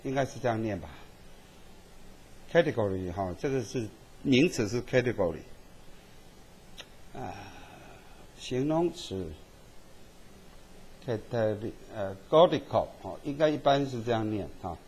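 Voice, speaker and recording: A husky male statistics teacher, lecturing to a classroom. His pitch swings up and down lively as he keeps tagging sentences with quick checks on whether the students follow.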